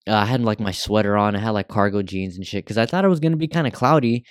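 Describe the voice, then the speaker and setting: A man's voice: lowish voice, fast, smooth, no echo, studio quality. A young American man hosting a casual solo podcast, talking with newly fitted braces in a rambling, slangy, sweary way. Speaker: podcast host.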